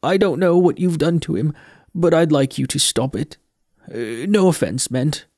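Man reading a jittery, polite teen boy, pitched up and a bit louder, earnest. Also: normal speed, no room sound, studio quality. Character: Mort, a polite, nervous teenage boy.

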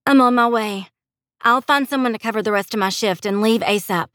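In this audiobook clip, the young nurse, performed by a woman who raises her voice above her low narrating tone, is urgent and resolute, her care and steel showing through fatigue. The delivery is brisk, fairly bright, and lightly acted, captured dry and close with no echo.

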